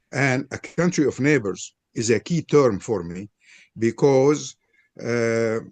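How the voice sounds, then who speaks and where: An older Lebanese man, Arabic his first language, speaks with a Lebanese accent in a mid-range, darkish voice with no echo. As a panel presenter, he gives a frank, personal opening statement at an interfaith panel, telling his story earnestly.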